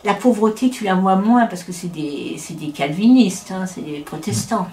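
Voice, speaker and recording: A chatty, opinionated middle-aged woman from France, talking freely in a casual interview. She keeps cutting herself off and starting her sentences again, and her voice sits at an ordinary middle pitch. The room around her is noticeably echoey. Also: normal speed, darkish tone. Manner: talkative, opinionated, many restarts. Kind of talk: casual conversation. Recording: roomy echo.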